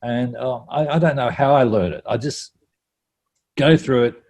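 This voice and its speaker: A man's voice: mid-range voice, a little slow, a little mellow. A man, a stage actor, chatting casually on a video call, rambling and self-deprecating with frequent laughs.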